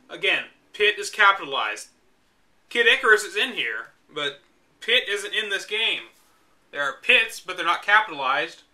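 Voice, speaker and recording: A man's high voice, pushed and bright, reads a game guide aloud. He plays reader and commentator at once, regularly breaking off for exasperated, sarcastic asides.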